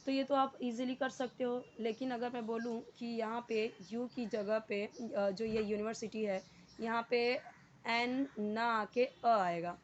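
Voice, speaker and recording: A woman teaches English grammar step by step, in a fairly high voice. She repeats words patiently and keeps asking the listener questions. The recording sounds dull and lo-fi. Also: fairly even intonation, measured pace, slight background noise.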